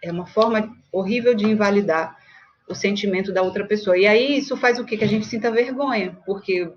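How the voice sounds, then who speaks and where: Speaking a little fast at medium pitch, this Brazilian Portuguese-accented woman gives a relaxed, chatty book-study lesson on a muffled recording. She frequently checks understanding with tag questions and acts out examples.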